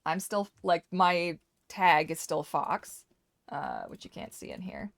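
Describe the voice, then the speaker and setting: Her voice is on the low side, with vocal fry and wildly swooping pitch, and she talks slowly. She's the host of a live game stream and community server, playfully teasing and welcoming viewers as she chats to them directly during a game.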